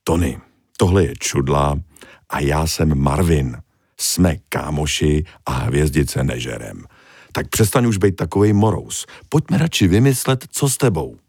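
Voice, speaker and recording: A man voicing a big, easygoing fish in a storybook reading, calm, steady and reassuring. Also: deep voice, hardly any pauses, husky, dry recording, clean studio sound. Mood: soothing.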